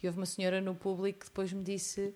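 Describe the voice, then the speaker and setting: A woman's voice: mid-range voice, completely flat delivery, fast talker, a little mellow. A middle-aged woman with a European Portuguese accent hosting a casual chat, agreeable and telling anecdotes. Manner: agreeable, chatty, tells anecdotes. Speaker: host and musician. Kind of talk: casual conversation.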